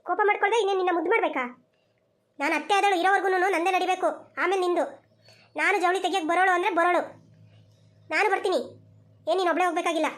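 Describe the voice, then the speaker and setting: A woman's voice: very high voice, steady tone, rapid-fire, long pauses, fairly bright tone. A woman voicing a stubborn, quarrelsome elderly mother-in-law in a village cartoon, who talks insistently and repeats herself. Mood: bossy. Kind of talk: cartoon voice acting.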